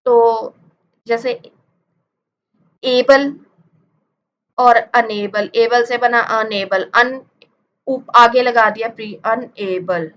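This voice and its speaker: A woman teaching a lesson like a classroom lecture, explaining step by step with frequent tag questions and reading definitions slowly. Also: on the high side, fairly even intonation, fairly bright tone, dull audio. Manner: reads definitions slowly and deliberately. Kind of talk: classroom-style lecture mixing Hindi and English.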